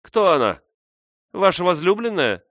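A man voicing a drunken, bitter young woman of the streets who talks in a shrill, self-pitying way. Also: big pitch swings, a little slow, fairly bright tone, no room sound, clean studio sound, heavily acted. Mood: scornful.

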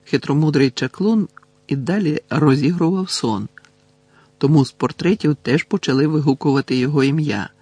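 A man's voice: on the high side, normal speed, a little mellow, slightly rough, no room sound. Man narrating an audiobook, dry sound.

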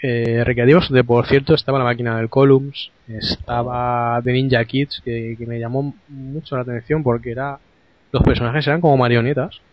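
Un hombre con acento de España que cuenta una anécdota en una charla informal de forma relajada y vacilante, con muletillas y algún taco. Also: male voice, mid-range voice, moderate pace, no echo. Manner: relaxed, hesitant, with fillers and swearing. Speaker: podcast co-host. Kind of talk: casual storytelling chat. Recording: dull, dry lo-fi podcast audio.

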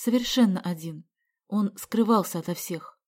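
A woman's voice: medium pitch, moderate pace, darkish tone, close to an everyday voice. A woman voicing a determined schoolgirl who earnestly explains herself to her parents.

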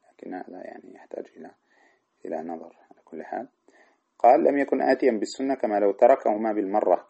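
Male fiqh teacher, very low and gravelly, quick delivery, reads the text aloud then explains it, lo-fi recording. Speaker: teacher of Maliki jurisprudence. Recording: dull lo-fi recording.

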